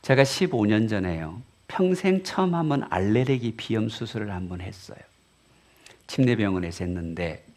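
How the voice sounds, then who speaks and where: A middle-aged man, preaching a sermon as pastor. He asks the congregation questions and answers them himself, rising to loud emphatic peaks and then dropping to quiet storytelling. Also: medium pitch. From Korea.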